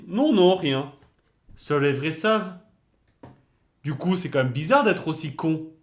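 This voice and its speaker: A man's voice: on the high side, expressive, a little slow. A man acting as interviewer in a comic mock interview, politely formal but teasing.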